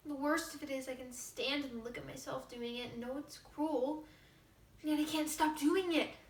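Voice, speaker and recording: Woman doing a soft-spoken troubled teen girl, earnest, high voice, echoey room. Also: fairly even intonation, normal speed, distant mic, natural voice. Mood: pleading. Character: troubled teenage girl confessing to her father.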